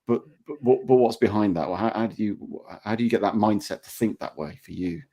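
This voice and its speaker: Mellow male podcast host. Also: on the low side. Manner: halting, restarts questions often. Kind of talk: interview questions.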